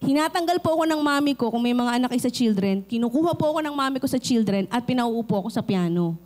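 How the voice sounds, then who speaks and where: A middle-aged woman pastor with a Filipino accent, preaching a sermon and telling lively personal stories. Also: fairly high pitch, fast talker. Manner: animated storytelling, acts out quoted voices.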